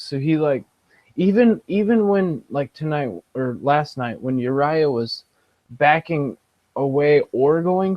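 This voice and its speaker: A man's voice: mid-range voice, dry recording, lo-fi sound. A man co-hosting a podcast in casual chat, rambling with restarts. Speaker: podcast co-host.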